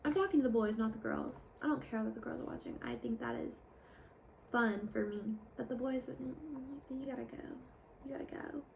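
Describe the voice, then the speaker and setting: A young woman in a casual confessional vlog, rambling candidly and sometimes dropping to a soft whisper. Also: fairly high pitch, sing-song, moderate pace, creaky, a little hiss or hum. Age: young adult. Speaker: vlogger.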